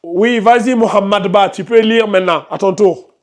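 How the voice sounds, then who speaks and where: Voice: medium pitch, normal speed. A Quran recitation teacher leading a class, patiently questioning students by name and correcting their reading.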